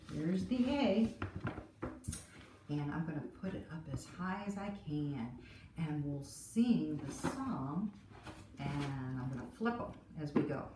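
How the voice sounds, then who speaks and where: A woman teacher reads a picture book aloud to young children, gentle and encouraging. She speaks very slowly, and the recording sounds roomy and echoey. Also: low voice, far from the mic, noisy background. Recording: roomy echo.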